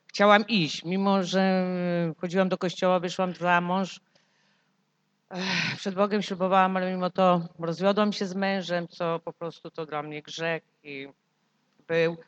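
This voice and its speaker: A woman's voice: on the low side, darkish tone. Middle-aged woman, church testimony, faltering and heartfelt, lo-fi capture. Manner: halting, emotional, repeats phrases. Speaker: church member giving testimony.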